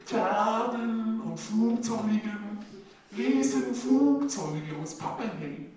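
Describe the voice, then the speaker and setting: A man doing a rambling, absurd stand-up monologue, dropping "hey" into nearly every phrase with halting, repetitive wording. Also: extremely high pitch, a crowd in the background. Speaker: stand-up comedian. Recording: very echoey hall, mic far off, audience laughing. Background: audience laughter.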